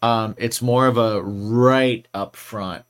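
A man co-hosts a podcast, rambling playfully through casual chat with lots of fillers. His voice is fairly low and steady, and he speaks at a slow pace.

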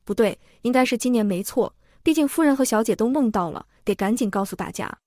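A woman's voice: on the high side, lively intonation, fairly quick, dark tone, no echo, clean studio sound, lightly acted. A woman reading as a frantic, scolding servant woman. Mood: agitated. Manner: agitated, scolding. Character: anxious blunt middle-aged servant woman.

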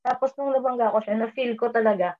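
This fast-talking woman has a fairly high pitch and fairly even intonation. She's casually sharing a dream experience, mixing English into her talk and getting louder when she quotes herself, over a tinny phone-like connection.

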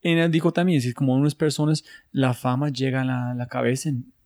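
A man hosting a casual interview who speaks haltingly and searches for his words as he builds his questions. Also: mid-range voice, fairly even intonation, a little mellow. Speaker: podcast host.

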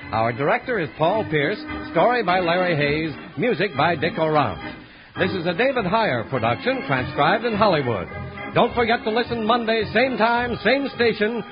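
An American man announcing in a polished, emphatic 1950s radio announcer style, reading scripted show and sponsor lines. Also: sits high. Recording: dull old radio recording. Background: music.

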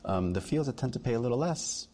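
A man's voice: medium pitch, animated, fast talker, darkish tone. A man, a dean of admissions, explaining things in an interview with some fillers.

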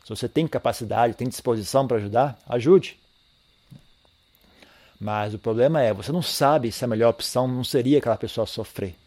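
Mellow-voiced man giving a dharma talk. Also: mid-range voice, a little fast. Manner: calm, reflective, tags sentences with "né?"; repeats and restarts phrases while thinking. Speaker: Buddhist teacher.

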